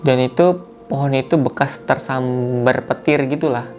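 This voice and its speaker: A man tells a spooky tale in the easy tone of a chat with friends, leaning on slang fillers and correcting himself as he goes. His voice sits at a middle pitch over faint music. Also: fairly even intonation, moderate pace. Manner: chatty, full of slang fillers and self-corrections. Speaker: horror story narrator. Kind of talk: casual storytelling.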